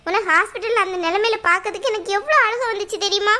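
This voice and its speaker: Woman doing a sharp, scolding cartoon mother-in-law. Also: very high voice, quick pace. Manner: scolding and commanding. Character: harsh scolding middle-aged mother-in-law. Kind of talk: cartoon voice acting.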